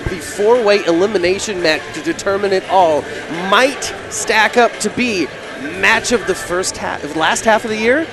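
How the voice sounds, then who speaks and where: A man's voice: high-pitched, normal speed, music in the background. A man providing live wrestling commentary, describing and summing up the action.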